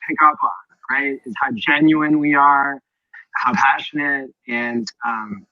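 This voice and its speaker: A man's voice: on the high side, expressive, slow pace, gravelly, no echo. A man chatting casually on a livestream, sounding tinny as if through a tin can, often adding "right?" while he reflects. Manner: reflective, often adds "right?" as a tag question. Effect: tinny, tin-can-like microphone sound. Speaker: livestream panelist. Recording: dull, tinny lo-fi microphone.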